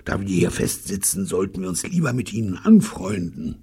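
A man reading aloud, voicing a gentle, sensible adult man who speaks formally and persuasively. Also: low-pitched, big pitch swings, normal speed, breathy edge, voice pushed up, full character voice.

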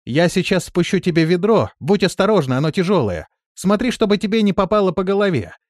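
Man voicing a commanding demon woman, measured, quietly menacing, lively pitch. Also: dry recording, studio quality. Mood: friendly. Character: big strong female demon, calm and commanding leader. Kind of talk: audiobook character voice.

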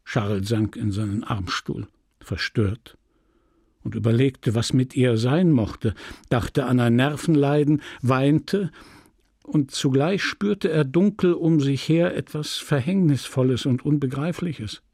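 A man reading a literary novel aloud as an audiobook, measured and expressive. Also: mid-range voice, no echo, studio quality. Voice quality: gravelly, husky. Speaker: audiobook reader.

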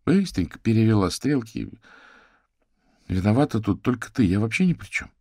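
Man doing a shaken young woman, tired, slightly tipsy, subdued, low voice, dry sound. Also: big pitch swings, moderate pace, warm tone, no echo. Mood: defensive. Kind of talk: audiobook character reading.

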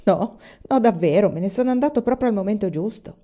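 A woman's voice: medium pitch, animated, quick pace, mellow, natural voice. A woman reading the part of a down-and-out male tragic actor, humble and theatrical, in a lo-fi recording.

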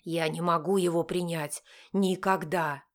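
A woman's voice: lowish voice, fairly even intonation, a little slow, lightly acted. A woman voicing a stern, bitter middle-aged father in an audiobook, speaking in curt, accusing bursts. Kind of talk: audiobook character voice.

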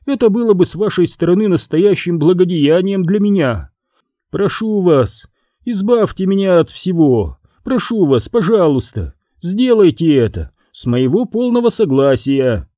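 A man's voice: sits high, very animated, normal speed, mellow, no room sound, clean studio sound, pitched above the performer's own voice. A man voicing a theatrical, mocking young man. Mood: earnestly pleading. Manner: mocking, theatrical, swings to anguish. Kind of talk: audiobook character voice.

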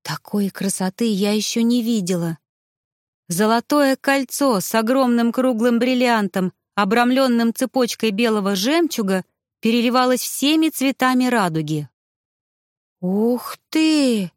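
A woman's voice: a little high, normal speed, no room sound. Woman narrating a story, dry sound. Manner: steady first-person storytelling. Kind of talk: audiobook narration.

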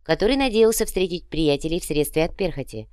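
A woman's voice: low voice, animated, fast, darkish tone, clean tone, no room sound, clean studio sound. A woman narrating a comic fantasy audiobook in a wry storytelling manner.

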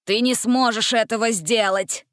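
A woman's voice: fairly high pitch, steady tone, unhurried, a bit bright, no echo, studio quality. A woman doing a whiny cowardly villain. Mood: wheedling. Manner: whiny, wheedling. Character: sly cornered male villain, pleading coward.

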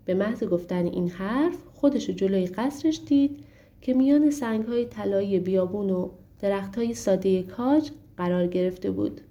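A woman narrating a storybook audiobook in a steady, expressive way. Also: mid-range voice, dull audio.

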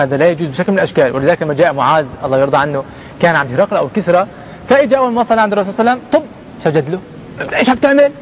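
A man giving a colloquial religious lesson to young people, lively and acting out the people he quotes. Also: dull audio, a little hiss or hum. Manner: animated, mimics people in quoted lines with jumps in pitch. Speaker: preacher.

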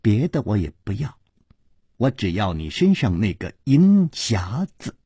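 A storyteller voicing a cheeky young male servant who teases and speaks in sly, low asides. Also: big pitch swings, unhurried, slightly rough, no echo, clean studio sound, full character voice. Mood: teasing. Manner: teasing, sly, soft asides.

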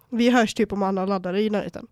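A woman's voice: mid-range voice, darkish tone, no room sound, studio quality. A young woman co-hosting a podcast, talking a lot, swearing freely and acting out arguments with sudden outbursts. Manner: talkative, swears a lot, acts out quarrels with rising outbursts. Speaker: podcast co-host. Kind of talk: casual chat.

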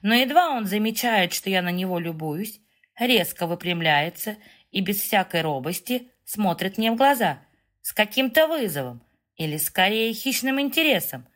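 Brief: female audiobook narrator, first-person fantasy, expressive mid-pitched voice. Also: normal speed.

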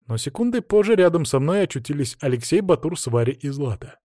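A man's voice: on the high side, sing-song, fairly quick, mellow, no echo, clean studio sound. A man reading dramatic first-person fantasy narration as an audiobook narrator.

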